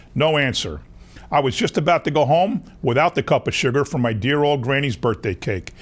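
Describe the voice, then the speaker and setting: A man's voice: on the high side, close to an everyday voice. A man reading a children's picture book aloud as a wolf who insists he was wronged, in a folksy, confiding way. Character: wronged, self-excusing male wolf telling his story. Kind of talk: children's storybook narration.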